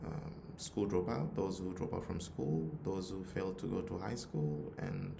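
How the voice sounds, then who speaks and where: A man with a deep, gravelly voice and a Tanzanian accent speaks unhurriedly in an earnest motivational talk that includes a personal story. He repeats phrases for emphasis, addressing a forum as a youth nonprofit leader. There's a roomy echo and audible background noise.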